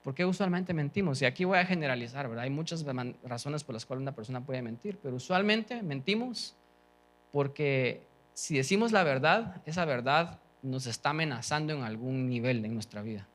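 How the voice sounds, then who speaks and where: A man's voice: mid-range voice, lively intonation, moderate pace, fairly bright tone. A young man preaching a sermon, talking to the congregation conversationally with frequent check-ins and restarts. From Guatemala.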